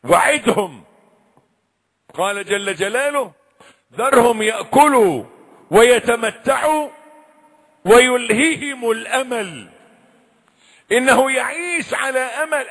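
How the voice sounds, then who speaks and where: A high-voiced male preacher delivers a sermon in an echoey hall with long reverb, his bright, forceful voice ringing out. He is impassioned, his pitch leaping and falling as he pleads and cries out loudly, then sinks into hushed, low warnings.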